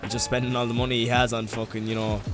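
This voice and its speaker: A young Irish man rants for laughs in a rambling, foul-mouthed vlog style, packing every sentence with "like." His voice sits at an ordinary pitch for a man. Music plays clearly behind him throughout. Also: little pitch movement, quick pace. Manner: rambling, sweary, heavy use of "like". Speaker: vlogger. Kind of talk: comedic rant.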